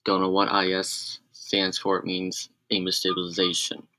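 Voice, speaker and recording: Rambling man with a bright tone. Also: deep voice, completely flat delivery, moderate pace. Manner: rambling, self-correcting, sarcastic asides. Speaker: live streamer. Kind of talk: casual live stream talk.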